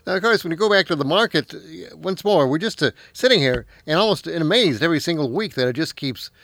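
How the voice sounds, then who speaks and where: A man's voice: fairly high pitch, lively intonation, a little fast, a bit bright, dry recording. A man hosting a live financial radio show, announcing and putting questions to an analyst.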